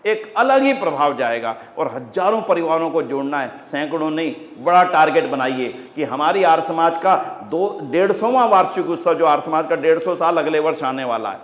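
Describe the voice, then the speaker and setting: A man giving an impassioned religious speech to a congregation, exhorting them and rising to loud peaks. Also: on the high side, lively intonation, moderate pace, hardly any pauses. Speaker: Arya Samaj speaker. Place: large hall. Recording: echoey hall, long reverb.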